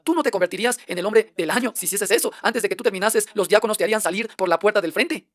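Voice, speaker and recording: A man's voice: high-pitched, fast talker, a bit bright, no echo, studio quality. A man preaching a translated sermon, emphatic and firing off one rhetorical question after another.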